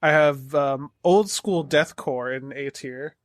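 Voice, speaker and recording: A man's voice: a little high, slow pace, no room sound, studio quality. A man co-hosting a podcast, chatting casually in an enthusiastic, profane, rambling way with lots of fillers. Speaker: podcast co-host. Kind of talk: casual chat.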